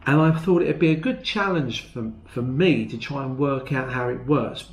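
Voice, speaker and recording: A middle-aged or older man presenting a magic demonstration in a measured, step-by-step explaining way. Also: mid-range voice. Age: 50s or older. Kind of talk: explaining and demonstrating a close-up magic trick to viewers. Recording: roomy, echoey indoor sound.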